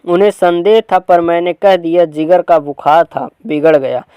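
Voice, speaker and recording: A man's voice: on the high side, moderate pace, smooth, no echo, highs cut off, natural voice. Scheming old patriarch, orders people about, dry close sound, man reading. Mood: gruff. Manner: commanding, calls out loudly. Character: stern old father, scheming and gruff. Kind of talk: reading a play aloud.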